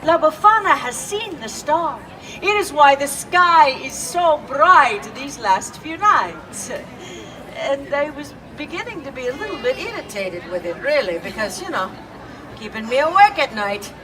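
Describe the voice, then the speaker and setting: A woman's voice: high voice, sing-song, unhurried. A woman playing a kindly old Italian witch who brings gifts, speaking with a put-on Italian accent in a playful, coaxing way and asking children questions as she tells a story. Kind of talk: live in-character storytelling. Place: outdoors in a public urban space. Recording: distant outdoor recording with crowd.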